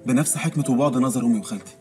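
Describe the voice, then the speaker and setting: A man's voice: mid-range voice, very fast, warm tone, faint music behind, lightly acted. An actor playing a gloomy, dependent young man who talks in a whiny way and repeats himself in a film comedy. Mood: mopey.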